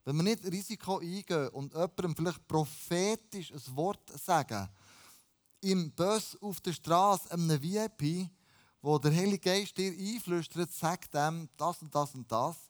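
Guy preaching, casual and lively, kinda high voice, tosses in english bits. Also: moderate pace. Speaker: pastor. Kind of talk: sermon.

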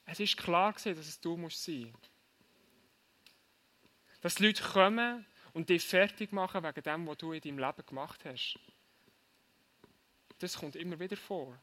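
Man, youth sermon, lively storyteller, bright ringing voice, slightly high. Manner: lively storytelling, direct questions to listeners. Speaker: preacher. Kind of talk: sermon to young people.

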